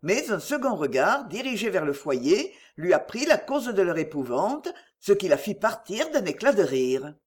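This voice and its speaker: A narrator reading a novel aloud in a measured, expressive storytelling voice. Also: mid-range voice.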